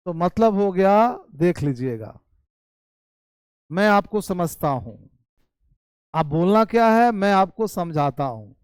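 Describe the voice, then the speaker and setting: A man teaching spoken English in Hindi with an Indian English accent, reading English sentences slowly and explaining them quickly. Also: high voice, clear, resonant tone, dry recording. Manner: addresses viewers warmly as "bhai" and "babu".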